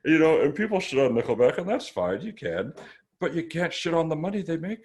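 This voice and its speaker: A man's voice: a little high, sing-song, a little fast, darkish tone. A man co-hosting a podcast, chatting casually, swearing and laughing often. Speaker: podcast co-host. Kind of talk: casual chat.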